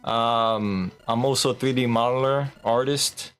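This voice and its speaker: A man's voice: mid-range voice, steady tone, unhurried, fairly bright tone, clear, resonant tone, faint music behind. A man live-streaming a game, chatting casually and animatedly with viewers, laughing and swearing offhand.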